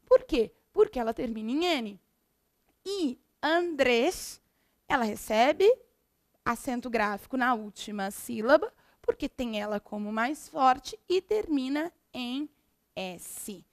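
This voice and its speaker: A woman's voice: fairly high pitch, expressive, slow pace, no room sound, clean studio sound. A Brazilian woman teacher giving a recorded lesson, explaining step by step and answering her own questions. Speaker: Spanish teacher.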